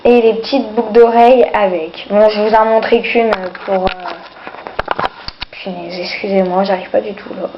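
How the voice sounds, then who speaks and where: A vlogger with a cold and a runny nose chats casually through a haul of sale purchases, hesitant, full of fillers, and repeatedly saying "voilà." Her mid-range voice has fairly even intonation at a moderate pace. The lo-fi home video is echoey, distant, and dull, with a noisy background.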